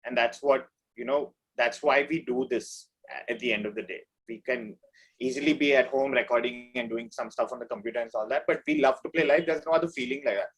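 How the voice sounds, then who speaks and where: Brisk and husky, this mid-range male voice belongs to an Indian band drummer chatting casually as an interview guest. He explains things informally and conversationally, but the audio quality is poor.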